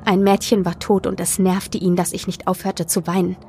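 A woman narrating a horror story in the first person, with tense, expressive delivery. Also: fairly low pitch, normal speed, a little hiss or hum. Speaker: podcast narrator. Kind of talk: dramatic horror story reading.

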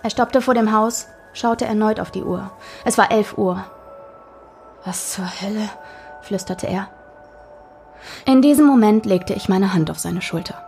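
A woman tells a spooky tale in a measured, steady storytelling manner. Her voice sits at a mid pitch, and soft music plays faintly behind the reading. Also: creaky. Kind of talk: scripted story narration.

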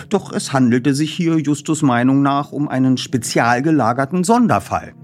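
A man narrating a story in an expressive, scripted audiobook reading. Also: mid-range voice.

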